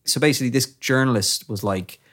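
A man's voice: medium pitch, fast, a bit bright, husky. A man co-hosting a casual film podcast, enthusiastically retelling documentaries he loves. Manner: enthusiastic storyteller, talks through film recommendations. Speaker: podcast co-host. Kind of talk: casual chat.

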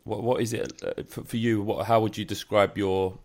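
Hesitant low-voiced male host. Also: little pitch movement, darkish tone. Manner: hesitant, halting questions. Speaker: podcast host. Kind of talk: interviewing a guest.

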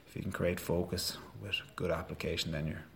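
A man's voice: low-pitched, little pitch movement, a little fast, gravelly, slightly rough. A man in his thirties with a west of Ireland accent, giving earnest, rambling, colloquial answers in an interview. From Galway, west of Ireland. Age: 30s. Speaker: rugby sports staff member, coach.

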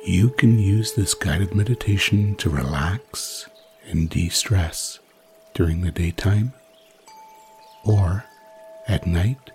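A man narrating a guided sleep meditation like a sleep story, soothing and unhurried, with long pauses between phrases. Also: low voice, darkish tone, soft background music.

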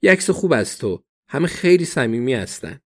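Man voicing male detective, dry, probing questions, mid pitch, storybook. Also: very animated, a little mellow.

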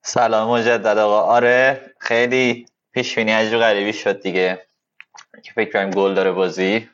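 A man co-hosting a football podcast, analysing casually and haltingly as he searches for words. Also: on the low side, flat delivery, a bit bright, clear, resonant tone. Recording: dull, lo-fi live audio.

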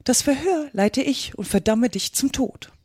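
A woman's voice: high-pitched, lively intonation, measured pace, darkish tone, slightly rough, no room sound, studio quality, voice pushed up, exaggerated voice. A woman voicing a cunning male dog who makes himself judge and bullies a mouse. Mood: sly. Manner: sly and bullying.

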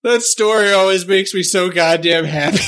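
A man hosts a skateboarding show in relaxed, profane conversation. His voice is notably high for a man. He laughs easily and talks loosely. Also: a little slow. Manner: laid-back, swearing, laughing. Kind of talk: casual chat.

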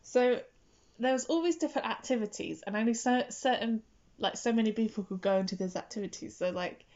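A woman's voice: fairly high pitch, a little fast, darkish tone. Young woman just chatting, lots of "like", kinda dull lo-fi audio. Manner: rambling, filler-heavy, restarts often. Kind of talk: casual chat.

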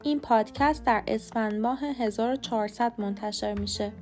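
A Persian-speaking woman hosting a short podcast lesson, reading from a script in a clear, careful way and spelling out words letter by letter. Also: on the high side, a little mellow, soft background music. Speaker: podcast host and English teacher.

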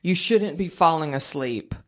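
A woman's voice: low-pitched, expressive, a little slow. A woman giving advice in casual podcast chat, blunt and emphatic, swearing freely.

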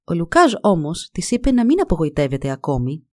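A woman narrating a folk tale in a calm, measured storytelling voice. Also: lowish voice.

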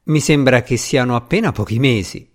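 A man voicing an affable, breezy aging English gentleman in an audiobook reading. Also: mid-range voice, moderate pace, lightly acted. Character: aging genial English gentleman, vice-minister.

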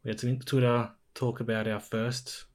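A man's voice: mid-range voice, flat delivery, normal speed, darkish tone. A man with an Australian accent hosting a casual podcast, teasing his co-host in playful banter. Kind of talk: casual chat.

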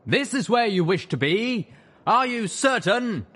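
A man's voice: sits high, very animated, a little slow, fairly bright tone, slightly rough, pitched above the performer's own voice, exaggerated voice. A man voicing a gaunt male ghoul pegasus who bellows in stiff, formal speech. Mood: booming.

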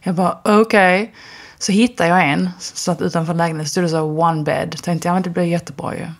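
Woman guest, low and gravelly, candid and easygoing storyteller. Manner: candid, relaxed, many fillers. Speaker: actress and interview guest. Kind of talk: casual storytelling conversation.

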